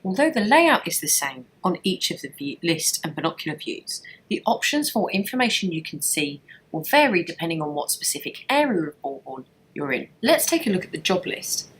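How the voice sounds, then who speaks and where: In this scripted software tutorial, a female trainer explains the process step by step. She speaks a bit quickly in a fairly low, sing-song voice with a slight roughness and few pauses, and the audio quality is poor.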